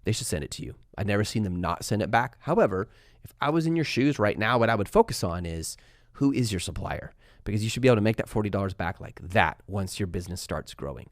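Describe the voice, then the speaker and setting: Fast-talking energetic man, dry close sound. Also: lowish voice, no room sound. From Texas and California. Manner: fast-talking, energetic, reads comments aloud. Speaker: livestream host answering viewer questions. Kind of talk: casual live Q&A.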